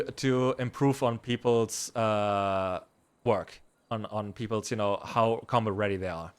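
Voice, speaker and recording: Brief: male roleplay streamer as a biker, mid-pitched, halting and rambling, with flashes of loud exasperation. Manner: rambling, halting, many restarts and fillers; gets loud and exasperated when defending himself. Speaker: roleplay streamer playing a biker club member. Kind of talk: in-character casual chat.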